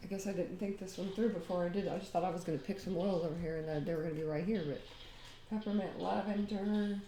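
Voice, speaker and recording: A woman's voice: fairly low pitch, fairly even intonation, quick pace, reverberant, background noise. A woman chatting casually at home, rambling and laughing as she demonstrates a homemade recipe. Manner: rambling and talkative, often laughing. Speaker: home DIY vlogger.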